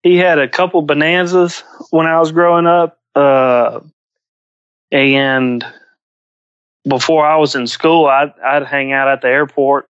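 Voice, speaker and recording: A man chatting casually as an interview guest, speaking in halting phrases with frequent pauses. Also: a little high, fairly even intonation, fairly bright tone, clean tone, no echo, highs cut off. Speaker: podcast guest, agricultural pilot.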